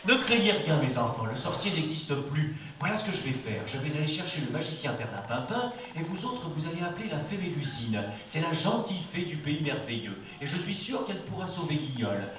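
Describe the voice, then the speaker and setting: A woman's voice: low voice, brisk, few pauses, noisy background. A woman voicing a brave young prince in a live children's puppet show, calling out to the children. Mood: bold. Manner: addresses children, animated. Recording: echoey room from far off, loud music behind.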